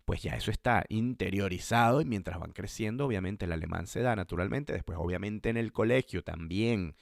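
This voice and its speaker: A man with a deep voice and a rough, creaky edge tells his story in a thoughtful, unhurried way. He explains things as he goes and fills the gaps with little hesitations. The sound is dry and close, with no room echo. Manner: thoughtful, explaining, often pauses on fillers. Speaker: expat father sharing his experience. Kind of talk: casual conversational storytelling.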